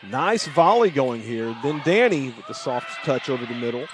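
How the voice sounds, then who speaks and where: A man doing play-by-play commentary for a school volleyball match, rising to shouts on big plays. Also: medium pitch, very animated, moderate pace, noisy background. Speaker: play-by-play announcer. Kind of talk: sports commentary.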